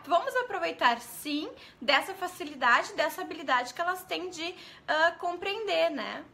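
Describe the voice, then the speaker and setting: A woman's voice: very high voice, pushed and bright. A woman with a Brazilian accent who trains teachers, giving a live-streamed lesson, asking viewers questions and greeting them by name. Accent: Brazilian Portuguese. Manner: spells out letters slowly and clearly.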